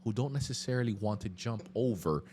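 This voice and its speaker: A man's voice: fairly low pitch, expressive, a little fast, darkish tone, slight background noise. A man hosting a podcast in casual chat, loose and joking with slang and lots of fillers. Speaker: podcast host.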